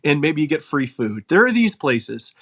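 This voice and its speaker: A man's voice: a little high, very animated, moderate pace, fairly bright tone. A man talking as a podcast guest, making his case in an emphatic, earnest way and laughing between points. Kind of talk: casual conversational argument.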